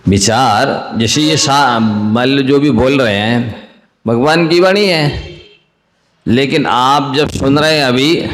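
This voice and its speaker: A man preaching a sermon as a monk, speaking deliberately and repeating his key phrases for emphasis. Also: medium pitch. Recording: echoey hall with long reverb.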